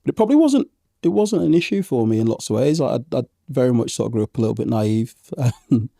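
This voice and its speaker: A man's voice: mid-range voice, lively intonation, fast, vocal fry, dark tone, dry recording, studio quality. A man in his thirties who grew up in England, talking reflectively in an interview with many ums and restarts. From Zambian parents, raised in England from age one. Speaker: podcast guest. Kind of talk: conversational interview.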